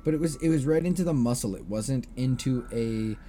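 A man's voice: medium pitch, brisk, dark tone, slight background noise. A man hosting a casual podcast, chatting and joking with frequent restarts. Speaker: podcast host. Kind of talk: casual chat.

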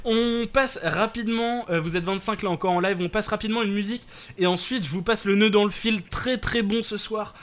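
A man's voice: high-pitched, a little fast, fairly bright tone. A young man hosting a live stream talk show, hesitant, thanking viewers and laughing between remarks. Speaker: host.

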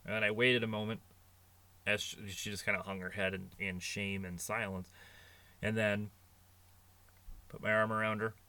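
A man's voice: on the low side, level tone, moderate pace, long pauses, bright, forceful tone. A middle-aged man hosting a podcast, talking casually and earnestly as he tells stories about managing staff. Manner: earnest, anecdotal storytelling. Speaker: podcast host on restaurant management.

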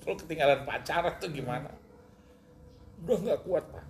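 Speaking at a moderate pace in a slightly high voice, a middle-aged male interview guest retells a personal story with emotion. The telling is animated and punctuated by rising outbursts.

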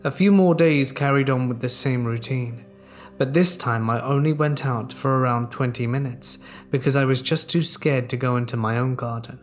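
A man reads a true horror story aloud in a steady, measured voice at middle pitch. Faint background music runs beneath his narration.

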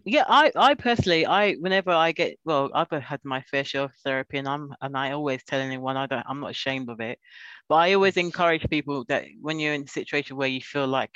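A man's voice: medium pitch, fast, fairly bright tone, smooth, no room sound. A man in casual discussion, talking emphatically and openly about his own experience. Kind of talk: casual chat. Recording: dull, dry sound.

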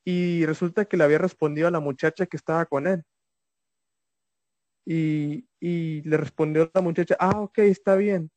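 A man's voice: a little high, flat delivery, moderate pace, darkish tone, no room sound. A man casually telling a ghost story, with restarts and asides to the listeners. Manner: conversational, many restarts, addresses listeners directly.

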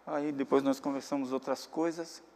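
A pastor preaching a sermon, earnest and preacherly, mixing personal family stories with calls to pray. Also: male voice, medium pitch, steady tone, normal speed, darkish tone, slight background noise. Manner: earnest, preacherly, repeats "meus amados irmãos". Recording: long hall reverb.

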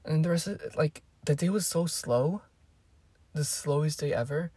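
A teenage girl rambles through a story in a casual vlog, swearing freely and drifting into asides. Her voice sits low and has a husky grain. The sound is dry and close. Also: normal speed, warm tone, dry recording. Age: teens. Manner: rambling and profane, with fillers and asides. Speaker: vlogger.

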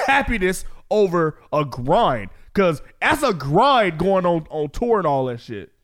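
High, lively man in crude banter. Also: slow. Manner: loud, joking, swears constantly. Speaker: podcast host. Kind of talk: casual profane banter.

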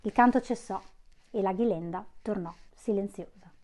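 Woman reader, novel chapter, measured storytelling. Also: medium pitch, mellow. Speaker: audiobook reader. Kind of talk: reading a novel aloud.

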